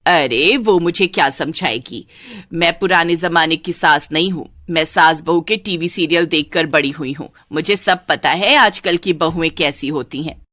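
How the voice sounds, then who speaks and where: A woman's voice: deep voice, a little slow, sharp tone, dry recording, clean studio sound, heavily acted. A woman voicing a domineering middle-aged mother-in-law who scolds and gives orders. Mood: bossy. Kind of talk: Hindi storybook voice acting.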